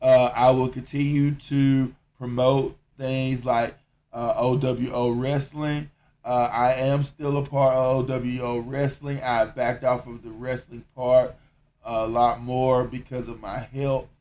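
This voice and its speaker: A man with a Southern accent hosting a solo podcast update, talking in a slow, measured monotone with frequent pauses and fillers. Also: medium pitch. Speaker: podcast host.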